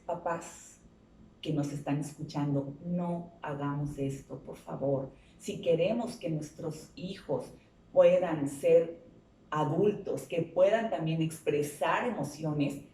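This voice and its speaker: A woman's voice: on the low side, warm tone. A woman psychologist, guest on an interview show, explaining patiently and asking rhetorical questions. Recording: roomy sound from a distance.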